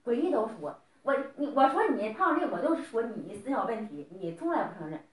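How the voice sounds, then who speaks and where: A woman's voice: fairly high pitch, sing-song, fairly quick, echoey room. A middle-aged woman scolding someone in a heated family argument, lecturing and firing off repeated questions.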